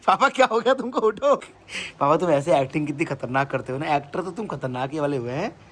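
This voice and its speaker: A young man hosting a casual family vlog outdoors at home, teasing his family and calling out loudly. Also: on the high side, normal speed. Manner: teasing, lively, calls out loudly. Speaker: vlogger, host.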